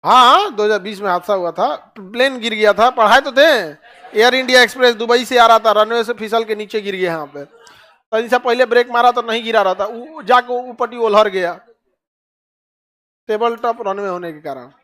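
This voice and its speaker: A male teacher running an online map class, drilling facts in quick call-and-response and repeating each answer. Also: very high-pitched, bright, forceful tone.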